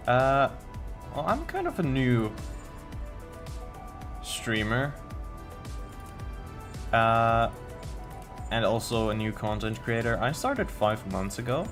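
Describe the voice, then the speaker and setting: Soft music plays as a young Finnish-accented man from Finland chats while building on a game stream, fumbling some words. His mid-range voice is sing-song and a bit bright, and he talks slowly with frequent pauses.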